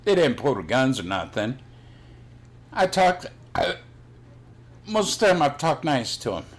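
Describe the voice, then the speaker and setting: A man's voice: mid-range voice, big pitch swings, measured pace. An older man chatting casually on his own livestream, blunt and rambling, swearing freely. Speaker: livestream host. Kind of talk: casual chat.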